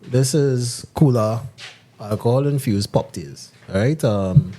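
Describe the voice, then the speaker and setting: A man's voice: mid-range voice, takes it slowly, dark tone. A man co-hosting a podcast, laid-back and asking questions. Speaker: podcast co-host. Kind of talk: casual podcast banter. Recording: faint background noise.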